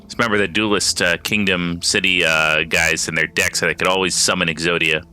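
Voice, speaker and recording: A man's voice: deep voice, fairly even intonation, brisk, sharp tone. A man co-hosting a gaming stream, talking in a laid-back, teasing way. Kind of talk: casual gameplay chat.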